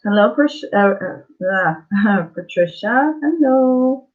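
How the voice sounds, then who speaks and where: A woman hosting a casual live chat, greeting viewers haltingly and apologetically, her mouth swollen and slightly thick-sounding after dental surgery. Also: a little high, animated. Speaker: livestream host. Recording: dull lo-fi livestream audio.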